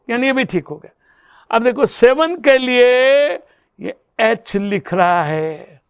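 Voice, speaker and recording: Man, chemistry teacher, slow and deliberate, clear smooth voice, dry close sound. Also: very high-pitched, no echo. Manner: addresses students as "beta", checks each step aloud. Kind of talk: exam-prep lesson solving problems.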